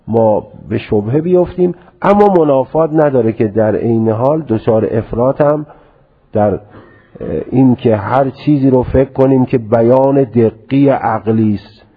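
A man giving a religious lecture, reasoning deliberately and often stressing and repeating his point. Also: mid-range voice, breathy edge. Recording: tinny lo-fi radio broadcast.

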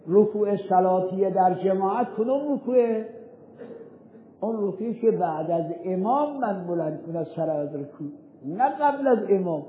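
High-voiced man teaching, tinny echoey audio. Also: slight background noise. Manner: asks and answers his own questions; recites Arabic phrases slowly. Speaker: religious teacher. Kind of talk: jurisprudence lesson.

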